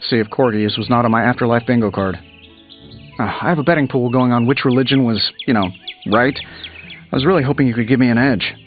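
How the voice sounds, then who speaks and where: A man's voice: medium pitch, fast, phone-quality sound, faint music behind, lightly acted. A man playing a cocky, wisecracking armored billionaire superhero in a video game, glib and sarcastic. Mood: wry, joking. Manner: glib, sarcastic, quippy banter.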